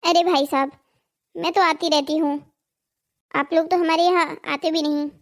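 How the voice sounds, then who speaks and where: A woman's voice: very high voice, steady tone, normal speed. A woman voicing a greedy, nagging village wife in a cartoon drama, scolding and pleading.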